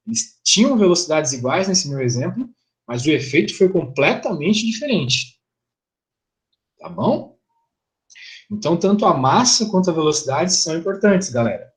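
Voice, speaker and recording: A middle-aged Brazilian man teaching an online physics class, chatty, asking his students rhetorical questions. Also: a little high.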